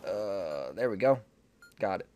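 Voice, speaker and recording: A man's voice: sits low, lively intonation, slow pace, a little mellow, clean tone. A young man giving casual gameplay commentary, repeating short phrases to himself. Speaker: gaming video host.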